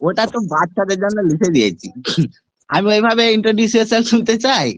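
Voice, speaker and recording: A man with a rather high voice teaches an English class online. He fires questions at his students and moves between Bengali and slow, deliberate English. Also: expressive, slight background noise.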